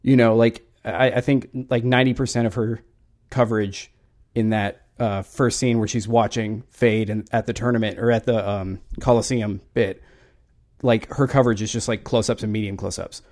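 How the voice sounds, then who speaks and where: A man with a fairly low voice chats about a film in a casual podcast. He speaks in a measured way, hedging and filling pauses as he builds his point. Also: fairly even intonation, darkish tone. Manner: measured, hedging, many fillers.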